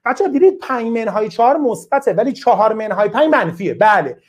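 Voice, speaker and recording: A woman lectures a math class, her voice swinging high and low with lively energy. She drives each point home by repeating it, presses students to answer quickly, and rewards them with short bursts of praise. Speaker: math teacher.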